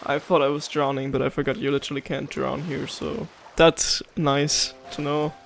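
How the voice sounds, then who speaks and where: A man talking his way through a game, chatty and rambling, often sidetracked by his own thoughts. His voice sits a little high for a man, with faint game music playing underneath. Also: level tone, moderate pace, vocal fry, a bit bright. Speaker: gameplay video host. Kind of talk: casual gameplay commentary.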